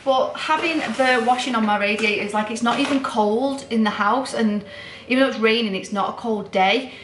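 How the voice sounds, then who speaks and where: A woman's voice: fairly high pitch, normal speed, echoey room, noisy background. A tired young woman, a student nurse, chatting at home in a rambling, self-deprecating vlog, with the camera set down nearby. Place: home, indoors.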